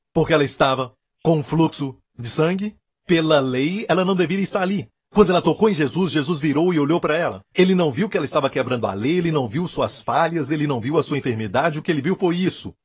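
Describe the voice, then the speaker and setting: A man's voice: on the high side, animated, fast, slightly rough, no echo. A man preaching a sermon as pastor, emphatic and repeating his key phrases.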